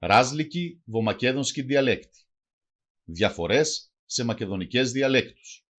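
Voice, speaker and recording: A man's voice: medium pitch, animated. A man with a Greek accent reading a language lesson aloud, saying phrases one by one and then translating each. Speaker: language teacher.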